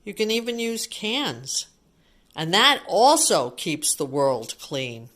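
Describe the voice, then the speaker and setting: Her voice is on the low side yet swings widely in pitch, with a slow pace and a fairly bright tone. She reads a picture book aloud to young children as a teacher might, adding simple asides full of repetition and little questions.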